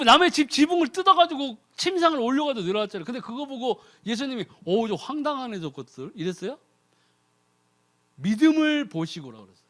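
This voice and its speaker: A man's voice: very high voice, a bit bright. A man preaching a sermon as a deacon, firing rhetorical questions at the congregation and mimicking people's prayers in mocking voices. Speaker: lay preacher, ordained deacon.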